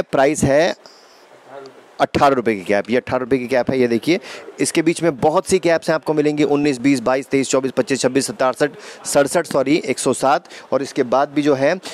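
A man in his thirties hosting a tour of a wholesale shop, holding a handheld mic indoors and repeating prices back to viewers in a lively way. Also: medium pitch. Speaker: host showing a wholesale shop. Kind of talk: energetic shop-tour presenting. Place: indoor garment shop and office.

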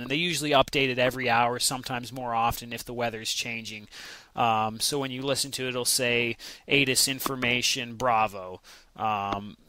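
An American flight simulation instructor narrates a lesson conversationally, carefully spelling out example radio calls. His medium-pitched voice sounds pushed and bright, and the low-quality recording carries a little hiss or hum.

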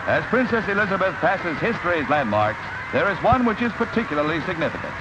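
A man narrating an old newsreel in a brisk, upbeat announcer style. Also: high-pitched, sing-song, heavy background noise. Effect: old newsreel sound. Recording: dull lo-fi 1940s newsreel with music.

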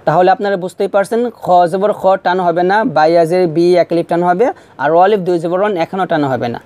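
A man teaching Quran reading, spelling out syllables one at a time and drawing out whole words slowly so learners can repeat them. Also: sits high, darkish tone. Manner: patient, repetitive explaining. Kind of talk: recorded recitation lesson.

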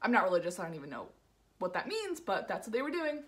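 A woman's voice: medium pitch, very animated, fast talker. A young woman from the New York area telling a casual vlog story, rambling and full of "like" fillers. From New York area, USA. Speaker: vlogger.

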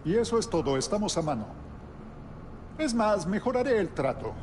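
An actor playing a sly, menacing old god king who sounds like a very old man, speaking in measured, pointed phrases in a game cutscene. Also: high voice, big pitch swings, darkish tone. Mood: mocking, sly. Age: older. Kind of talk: dramatic video game cutscene acting. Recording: clear background noise.

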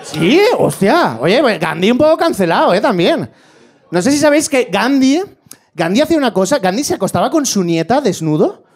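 A man performs stand-up, his voice sitting high for a man. He tells his stories with lively swings and bursts into shouted impressions of his relatives, with a club audience laughing behind him. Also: brisk, husky. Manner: animated storytelling, shifting into shouted impressions of family. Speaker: stand-up comedian. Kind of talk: stand-up comedy set.

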